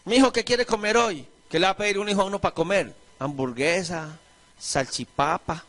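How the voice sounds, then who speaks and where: Man, Colombian accent, pastor, high-pitched, animated sermon, mimics voices. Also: brisk. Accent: Colombian Spanish. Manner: animated preaching, acts out voices of churchgoers and disciples.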